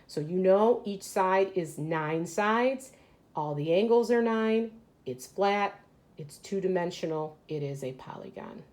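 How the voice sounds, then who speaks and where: An elementary school teacher reads aloud to children in a lesson, explaining as she goes and often posing questions she then answers herself. Her lowish voice is a little mellow, with lively intonation and a measured pace.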